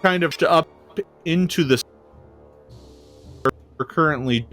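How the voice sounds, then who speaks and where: A man's voice: on the high side, fairly bright tone, faint music behind. A man narrating as game master over an online voice call, his audio dropping out and cutting off mid-sentence. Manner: halting, restarts his sentences. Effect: choppy internet audio dropping out mid-sentence.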